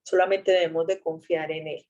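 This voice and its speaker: A woman giving a casual faith talk, chatty and animated as she tells an anecdote. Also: low voice, normal speed, muffled recording.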